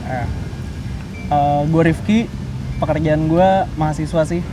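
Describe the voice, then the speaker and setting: A 21-year-old man, being interviewed and chatting casually, pausing often to search for words. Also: a little high, level tone, noisy background. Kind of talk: casual chat.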